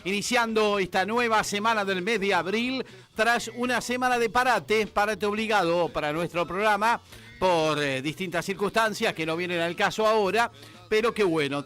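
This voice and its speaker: A man with an Argentine accent hosting a political radio show, emphatic and filling pauses with "eh" and "este". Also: high voice, bright, forceful tone, soft background music. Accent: Argentine Spanish. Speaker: radio host. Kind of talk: political radio commentary and interview.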